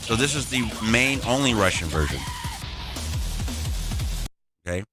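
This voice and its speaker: A man's voice: mid-range voice, lively intonation, measured pace. A man who produces music, talking casually through a tutorial, rambling and restarting his sentences.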